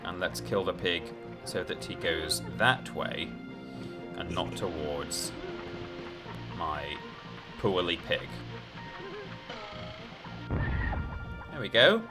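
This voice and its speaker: Male streamer, lowish voice with very lively swings, rambling live game commentary, music behind. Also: very slow, long pauses. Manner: rambling, thinks aloud to viewers. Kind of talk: live gameplay commentary with casual chat to viewers. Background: video game music.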